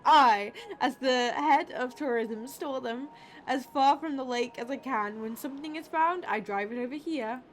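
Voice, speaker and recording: A woman's voice: sits high, moderate pace, soft background music, lightly acted. A woman voicing a chatty, rambling small-town tourism officer in a game.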